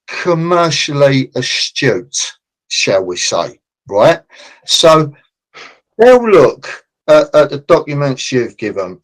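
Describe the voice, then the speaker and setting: Animated man talking construction. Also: mid-range voice, poor audio. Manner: animated, acts out quoted people; blunt, passionate about his trade. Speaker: construction consultant guest. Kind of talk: podcast interview.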